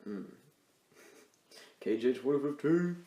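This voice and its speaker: A man's voice: mid-range voice, slow. Silly absurdist man in an echoey room. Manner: silly, deadpan absurd jokes, stumbling playfully. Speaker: podcast co-host. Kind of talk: improvised comedic banter. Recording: roomy echo with faint noise.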